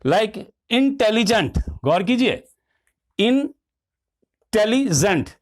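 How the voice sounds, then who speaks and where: A man teaching a grammar lesson, explaining patiently and slowing down to spell out words. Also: sits high.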